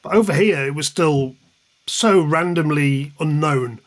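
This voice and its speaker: Speaking at a measured pace with a fairly high pitch, a man in his fifties chats anecdotally and pokes fun at himself. He's a music journalist and author from the East Midlands of England, appearing as a guest and reminiscing casually in an interview.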